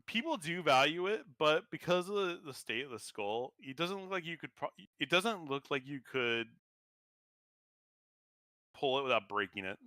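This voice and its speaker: A man's voice: a little high, sing-song, moderate pace, bright, forceful tone, no room sound, studio quality. A man narrating as game master of a tabletop game, rambling with many fillers and restarts.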